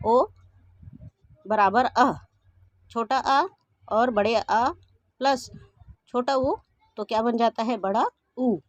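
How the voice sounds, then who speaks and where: A woman with a slightly high voice leads a grammar lesson. She poses questions to the class and answers them herself, repeating each definition slowly and patiently. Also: no room sound, dull audio. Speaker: teacher.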